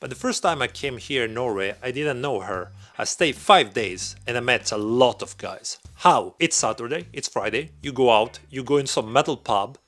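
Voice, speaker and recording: A young man from Croatia, talking casually to camera in a vlog, excitable and emphatic, swearing freely. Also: mid-range voice, normal speed, hardly any pauses. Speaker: vlogger and metal musician.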